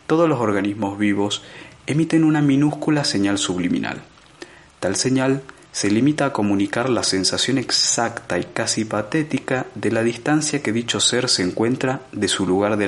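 A male audiobook narrator with a fairly low voice, reading scripted narration in a measured, expressive manner. He paces the story evenly and lets dramatic moments land.

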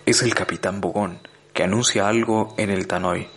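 A man's voice: low voice, steady tone, moderate pace, a bit bright, a little hiss or hum. A man voicing a smug, breezy alien traveler. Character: breezy alien hitchhiker man, smugly cheerful.

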